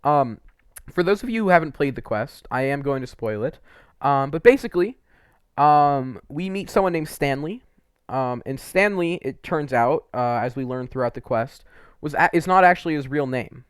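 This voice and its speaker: Smooth and mid-range, this man's voice has lively intonation and a normal pace, captured cleanly in a studio without echo. Reviewing game quests for his videos, he rambles in an opinionated, emphatic way, full of "like" and mild curses.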